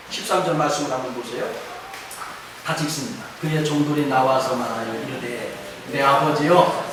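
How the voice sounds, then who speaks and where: A man preaches a sermon with lively storytelling, slipping into the voices of the people in his story. His voice sits high for a man. It is picked up from a distance in a strongly reverberant church, with a faint hiss underneath. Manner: animated storytelling, acting out characters' lines. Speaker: pastor. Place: church sanctuary. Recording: roomy echo from far off, faint noise.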